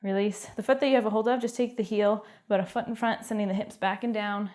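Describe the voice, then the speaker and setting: Young canadian woman leading a home workout, cheery encouraging cues, calm stretch instructions. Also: mid-range voice, fast. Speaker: fitness instructor.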